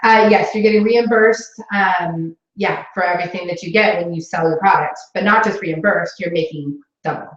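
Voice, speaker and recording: A woman's voice: lowish voice, normal speed, few pauses. A woman coaching new sales consultants in a casual, encouraging way, talking with lots of fillers in an indoor room. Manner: chatty and encouraging, many fillers. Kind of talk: casual training talk with a live booking call. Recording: echoey room, slightly dull sound.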